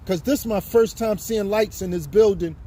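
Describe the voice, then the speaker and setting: With a high-sitting voice that's dark in tone, a fifty-something man speaks at normal speed in a chatty livestream. He's outdoors on a city street, faint traffic audible, addressing his viewers directly.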